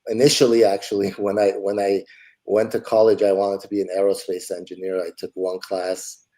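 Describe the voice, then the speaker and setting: A man in his forties from Los Angeles, answering interview questions in a relaxed way and thinking aloud with many fillers. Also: on the low side, brisk, low-quality recording. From Los Angeles, United States. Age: 40s. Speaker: guest, entrepreneur.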